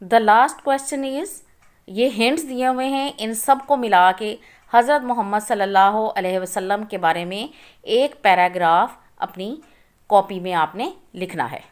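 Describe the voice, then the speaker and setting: A woman teacher with a Pakistani accent going through textbook exercises, reading English words slowly and repeating them, then explaining quickly in Urdu. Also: mid-range voice.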